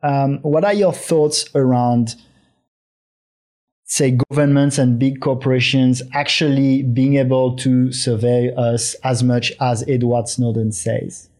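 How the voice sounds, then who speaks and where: Mellow-voiced man hosting an interview. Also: medium pitch, little pitch movement, slow. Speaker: show host interviewer. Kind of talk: conversational interview.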